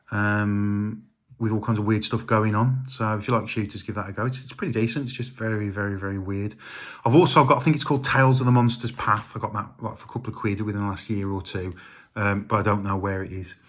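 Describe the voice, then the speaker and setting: A middle-aged man, chatting casually about his retro game collection with lots of ums and uhs. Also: fairly low pitch. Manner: relaxed, rambling, many ums and uhs.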